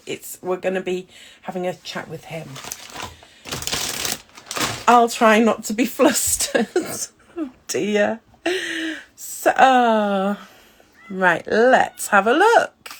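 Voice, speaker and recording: A woman's voice: medium pitch, takes it slowly, slight background noise. A woman hosting a casual video call interview, chatty and giggly with lots of fillers. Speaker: host.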